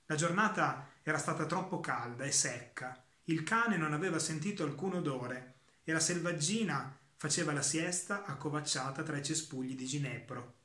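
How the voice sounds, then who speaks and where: A man reading a short literary story aloud in a calm, measured way, with slow pauses. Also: a little high, reverberant. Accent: Italian.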